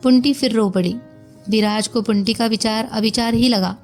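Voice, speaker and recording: A woman narrates a story aloud in a calm, measured way. Her voice is a little high. Faint background music plays beneath her reading.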